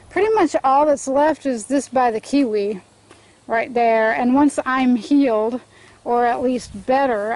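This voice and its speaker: A middle-aged homestead gardening vlogger films a walk through her sunny garden with a handheld camera held at arm's length, chatting casually and thinking aloud with fillers and restarts. Her slightly high voice has a darkish tone and sounds congested, with a bit of background noise.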